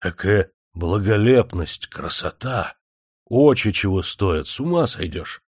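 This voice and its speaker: A man's voice: fairly low pitch, lively intonation, a little slow, breathy edge, no echo, clean studio sound. A man voicing a curious, earthy provincial estate manager who asks plain, wondering questions.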